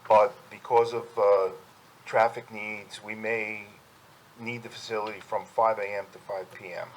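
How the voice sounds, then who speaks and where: A man's voice: fairly low pitch, level tone, measured pace, slight background noise, low-quality recording. A man giving formal testimony as a business owner, in plain, factual answers. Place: public board meeting room.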